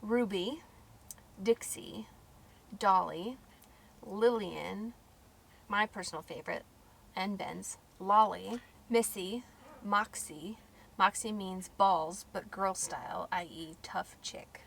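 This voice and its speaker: A young American woman from Idaho co-hosts a casual Q&A chat, reading out questions and laughing easily. Her medium-pitched voice is slow and creaky, a bit bright and slightly rough.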